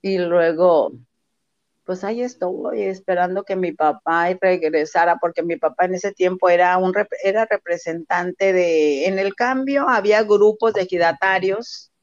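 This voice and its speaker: A woman's voice: on the low side, unhurried, no echo, muffled recording. A woman with a northern Mexican accent casually telling stories from her own life in a colloquial, rambling way, acting out remembered dialogue. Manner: animated retelling, acts out remembered dialogue. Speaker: storyteller recalling own childhood. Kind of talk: casual oral life-story narration.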